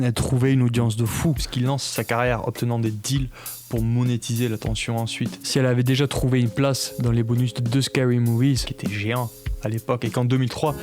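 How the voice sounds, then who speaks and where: A man narrating a scripted commentary video in a deadpan, sardonic tone with crude humor. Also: medium pitch. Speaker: video essayist.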